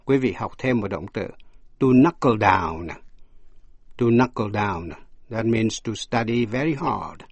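A man, a native Vietnamese speaker, giving a scripted radio English lesson, slowly spelling words out letter by letter. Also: lowish voice, animated, dry recording.

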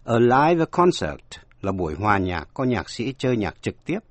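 A man's voice: fairly low pitch, big pitch swings, moderate pace, dry recording. A man giving a scripted radio language lesson, explaining word meanings and spelling words out letter by letter. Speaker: language teacher.

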